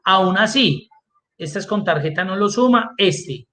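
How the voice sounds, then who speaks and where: A man's voice: high voice, animated, a little slow, pushed and bright. A man teaching an online class as an instructor, explaining step by step and answering his own questions. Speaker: Excel instructor.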